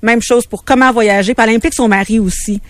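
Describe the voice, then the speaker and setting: A radio co-host walks listeners through household tips one step at a time. The delivery is lively and conversational at a middle pitch. The studio sound is dry. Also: fast talker, no echo. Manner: lively, explains step by step with "puis". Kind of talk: casual how-to tips on radio.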